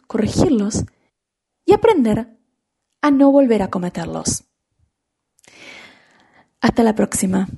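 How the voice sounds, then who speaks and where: Female English teacher, husky gravelly mellow voice, scripted radio lesson, careful on example words. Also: on the high side.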